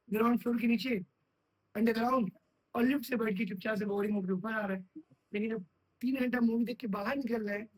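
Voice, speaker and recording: In a classroom lecture, a male computer science teacher often pauses to ask his students check questions. His voice sits high and sounds husky, and the recording is rough.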